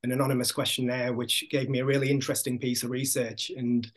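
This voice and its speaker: A man with a Hull accent giving measured, explanatory answers as a guest in an interview. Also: medium pitch, flat delivery. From Hull, Yorkshire, England. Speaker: podcast guest, sports doctor.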